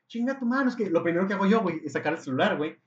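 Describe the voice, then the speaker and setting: A man's voice: fairly high pitch, rapid-fire. A young man with a Mexican Spanish accent tells a story in casual chat, full of crude slang. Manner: animated, crude slang, acts out voices in his story. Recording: echoey room, dull lo-fi sound.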